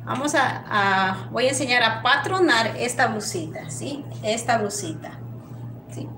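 A woman's voice: fairly high pitch, expressive, unhurried. A woman from Ecuador with an Ecuadorian Spanish accent, teaching a live sewing lesson in a small workshop and often checking in with "¿sí?" between blessings. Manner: warm blessings and greetings, frequent "¿sí?" check-ins. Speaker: sewing instructor. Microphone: lapel mic on a camera set back. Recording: echoey room, distant mic, noisy.

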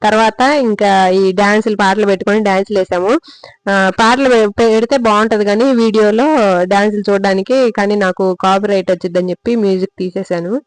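A woman vlogger rattles along quickly in a casual voice-over. Her pitch barely moves, and she speaks straight to her viewers. The close mic sounds dry, with no room sound at all. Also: little pitch movement, clean tone, dry recording, low-quality recording. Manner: chatty, addresses viewers directly.

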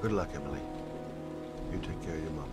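A man acting a gruff but kindly middle-aged detective in a video game drama, with stilted, hammy line readings. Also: rumbling low, quick pace, loud music behind the voice. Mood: gentle.

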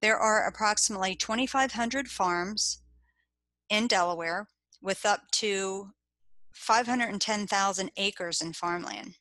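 Speaking at a measured pace in a mid-range voice, an American-accented woman narrates a scripted slideshow as an extension educator. Her delivery is steady and informative, and there's no echo.

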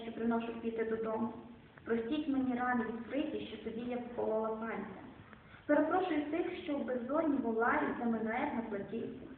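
A woman poet reading her own verse and translated poems aloud, in a slow, measured recitation whose lines often fall quiet at the end. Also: fairly high pitch, a little hiss or hum. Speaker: poet reading at a club evening. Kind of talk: poetry reading. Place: club or small hall. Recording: distant, echoey phone-quality room recording.

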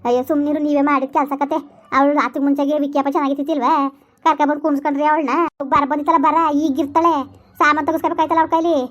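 A woman playing a loud, bitter village woman in a comedy skit, scolding and wailing. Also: sits high, level tone, rapid-fire, natural voice. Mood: quarrelsome. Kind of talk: rural comedy skit acting.

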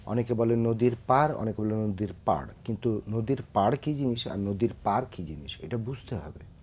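A man's voice: lowish voice, moderate pace, warm tone, breathy edge. A man, a singer who is a guest on a Bangladeshi TV talk show, speaking earnestly about correct pronunciation, with a Bangladeshi Bengali accent. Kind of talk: studio interview.

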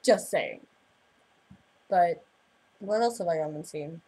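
A woman's voice: on the low side, normal speed, mellow, poor audio. A teenage girl hosting a casual vlog, bubbly and giggly, rambling between topics. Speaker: vlog host. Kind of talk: casual chat.

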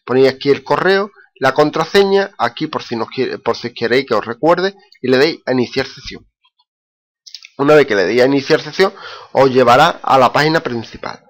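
In this screen-recorded walkthrough, a man in a mid-range voice demonstrates a website, a blogger showing how to register for paid surveys. His delivery is repetitive, full of "eh" fillers, with "muy importante" stressed.

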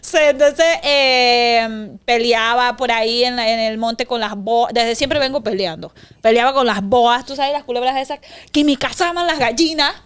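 Woman, young adult, smooth voice, a bit high, lively storyteller. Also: normal speed, hardly any pauses. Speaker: interview guest. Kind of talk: casual interview chat.

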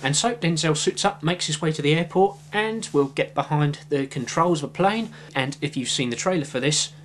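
A man's voice: on the high side, normal speed, a bit bright. A young man chats through a film review at his webcam in a small room, hedging and rambling with plenty of fillers. A faint hum sits under his voice. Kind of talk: casual film review to camera. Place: small room with shelves of films, indoors. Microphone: webcam at desk.

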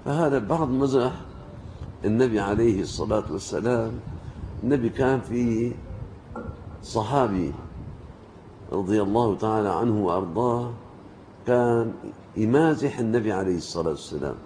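Mellow preacher telling lively stories. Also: male voice, on the low side, normal speed, pauses often, a little hiss or hum. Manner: animated storyteller, jumps into quoted voices, rising emphasis. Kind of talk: storytelling sermon.

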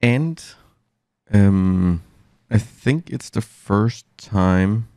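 A man's voice: lowish voice, animated, very slow, a little mellow, no room sound. A man rambling chattily to his viewers during a casual live game stream, speaking into a studio mic through a mixer. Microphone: studio mic through an audio mixer.

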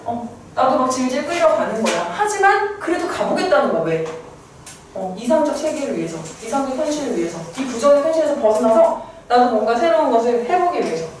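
A woman teaching a poem in a chatty, playful lecture, firing quick questions at her students. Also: sits high, expressive, darkish tone, slight background noise. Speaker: Korean literature teacher. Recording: echoey room heard from a distance.

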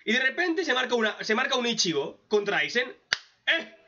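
Hombre con acento de España, comenta y despotrica con tacos, voz aguda y brillante. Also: male voice, very high voice, sing-song, fast, bright, forceful tone, far from the mic, lo-fi sound. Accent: Spain Spanish. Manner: sweary, ranting, sarcastic. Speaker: reaction video host. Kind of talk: casual profane commentary.

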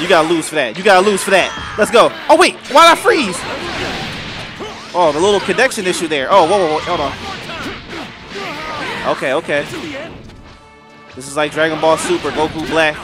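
A man hosting a gaming channel, giving excitable live gameplay commentary as he talks to the screen, with frequent outbursts and shouts. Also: on the high side. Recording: game music playing behind.

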